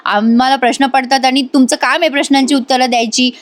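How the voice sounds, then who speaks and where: A woman's voice: sits high, fairly even intonation, quick pace, lightly acted. A woman voicing a stubborn young female student, pleading and insisting with her teacher.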